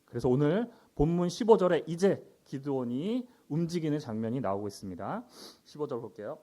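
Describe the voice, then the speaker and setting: A male pastor giving a Sunday sermon, reading scripture aloud louder and then explaining it in casual asides with fillers. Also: fairly high pitch, lively intonation, a little fast.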